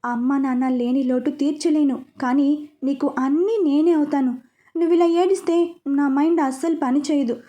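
A woman voicing a protective, loving young man in a spoken story, talking earnestly and gently. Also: sits high, fairly even intonation, moderate pace, natural voice. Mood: tender.

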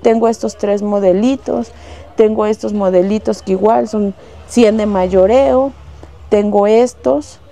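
A woman's voice: medium pitch, fairly even intonation, a little slow, creaky, dark tone. A Mexican woman working in a shop, showing goods and listing wholesale prices in a casual way, with lots of little diminutives. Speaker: shop saleswoman. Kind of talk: casual product showcase. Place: shop indoors.

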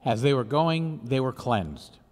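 A middle-aged man, a priest, reads the gospel in a measured way and then preaches loosely with fillers, his voice ringing in a cathedral echo. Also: medium pitch, lively intonation, a little mellow. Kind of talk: liturgical reading and homily. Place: large church, indoors. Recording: long echo of a large church.

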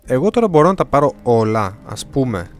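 A young Greek man gives casual let's-play commentary, chatty and very animated, often reading the game's dialogue aloud in shifting voices. His voice is medium-pitched, with soft background music.

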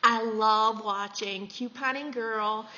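Chatting at a slow pace, a woman in her 40s giggles and gushes over gifts in her beauty vlog. Her fairly high voice is pushed and bright with fairly even intonation, captured in echoey, slightly dull audio with a faint hiss.

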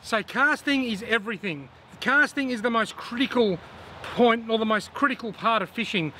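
A man in his thirties with an Australian accent, chatting casually to camera on a riverbank about his fishing gear in a relaxed, plain-spoken way. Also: extremely high pitch, moderate pace, noisy background. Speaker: fishing vlogger. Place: outdoors on a riverbank. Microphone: camera on a tripod at chest framing.

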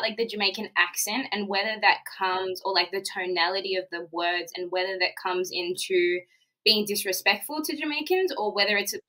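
A woman's voice: mid-range voice, bright, forceful tone, rough recording. A woman with an Australian accent hosting an interview and asking loose, curious questions. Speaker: host. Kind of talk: casual interview conversation.

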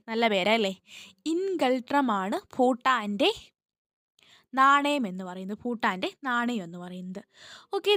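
A woman coaching students for an exam. She talks in a fairly high voice and drills each fact over and over, asking questions and answering them herself. The recording is close and dry. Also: fairly bright tone, dry recording. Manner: repetitive, drills facts, asks and answers her own questions. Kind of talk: exam-prep lesson.

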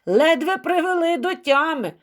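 Storybook old mountain man, gruff and mocking, read by a woman, raised pitch. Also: expressive, normal speed. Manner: teasing, scolding.

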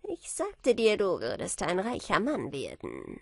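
Storybook fairy man, tiny and knowing, high airy tone, woman reader doing the voice, dry close sound. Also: wildly swooping pitch, unhurried, creaky, darkish tone, slightly rough, dry recording, full character voice. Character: little old fairy man, pale, sly.

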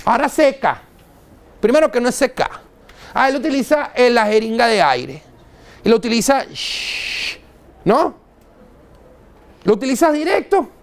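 Venezuelan man, dental lecturer, animated swings in pitch, blunt slangy talk to a hall. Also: normal speed, gravelly, pauses often. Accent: Venezuelan Spanish. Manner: blunt, slangy, quizzes the audience. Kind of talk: live lecture to an audience.

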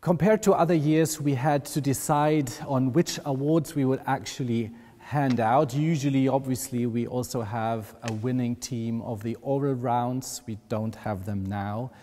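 A middle-aged German-accented man reads out award winners with measured, ceremonial pride. His voice is dark and mellow, and a long reverb hangs behind it in the room. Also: medium pitch, fairly even intonation. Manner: measured, proud ceremonial delivery. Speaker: award presenter. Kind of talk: formal speech to camera. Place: wood-panelled room, indoors.

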